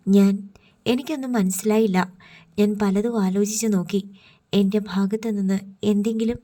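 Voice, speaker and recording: Audiobook: woman doing a hesitant young man with a mellow tone. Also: mid-range voice, steady tone, moderate pace, natural voice. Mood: puzzled. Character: young man, puzzled and gentle.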